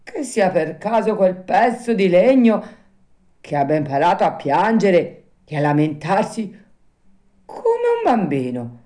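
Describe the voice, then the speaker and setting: A grumbling old carpenter mutters to himself in a storybook tale, as a woman reading aloud puts him on. His voice is louder and rougher than the narration, dark and low. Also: animated, measured pace. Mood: fearful. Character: old male carpenter, jovial then frightened.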